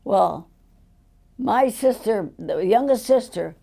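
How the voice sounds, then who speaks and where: A very old woman, over a hundred, telling stories from her life in a rambling, colloquial way with a gravelly old voice. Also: mid-range voice, expressive, takes it slowly, mellow. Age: over 100, very old. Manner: rambling storyteller, acting out quoted dialogue in plain colloquial words. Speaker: interviewee. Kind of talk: casual autobiographical storytelling.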